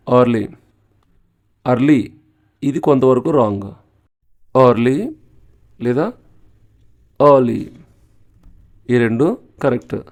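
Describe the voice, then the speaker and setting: A male English phonetics teacher with a Telugu accent, speaking at a medium pitch. He explains patiently and says each example word over and over, slowly, so learners can copy it. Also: darkish tone. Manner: patient, repeats words slowly for practice. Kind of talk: explanatory lesson.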